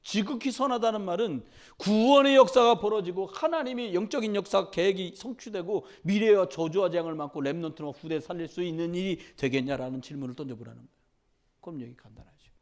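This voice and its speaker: A male pastor preaching a midweek church sermon, swinging between loud exhortation and quiet storytelling, and often putting questions straight to the congregation. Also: high voice, fast talker. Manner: conversational, addresses congregation directly with questions.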